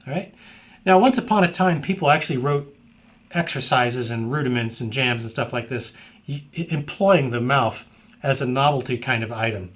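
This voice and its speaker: Calm and methodical, a middle-aged drum teacher breaks down rudiments piece by piece in a voice pitched neither high nor low. He explains as he goes and repeatedly asks "right?" to confirm the listener is keeping up.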